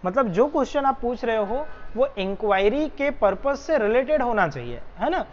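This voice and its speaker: A woman's voice: a little high, sing-song, moderate pace, darkish tone, a little hiss or hum. Woman tutor, muffled lo-fi lecture. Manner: explains step by step, checks understanding with "is that clear". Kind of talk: exam solution lecture. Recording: muffled lo-fi recording.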